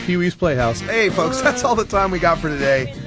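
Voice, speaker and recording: A man's voice: high voice, sing-song, a little fast, over music. A man hosting a podcast, rambling and joking through news stories with frequent laughs. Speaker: podcast host. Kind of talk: casual news commentary.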